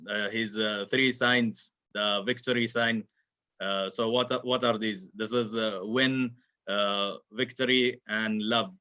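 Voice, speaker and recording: A man speaking as a panelist in a live discussion, halting, with many pauses and restarts. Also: mid-range voice, bright, forceful tone, lo-fi sound.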